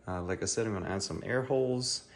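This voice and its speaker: A man's voice: fairly low pitch, fast. A man casually explaining a DIY project step by step as a hobbyist maker. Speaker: hobbyist maker and vendor showing a DIY build. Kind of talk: casual spoken build walkthrough. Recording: clear background noise.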